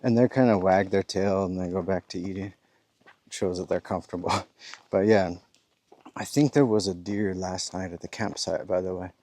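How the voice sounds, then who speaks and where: A man's voice: deep voice, fairly even intonation, normal speed, mellow. A man vlogging casually while walking a forest trail outdoors, rambling easygoing talk with chuckles. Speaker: thru-hiker vlogger.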